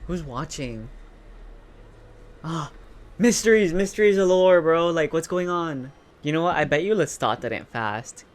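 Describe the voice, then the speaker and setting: A man's voice: on the high side, expressive, a little slow, pauses often. A man who is a campy, dramatic drag queen, giving casual reaction commentary as a host.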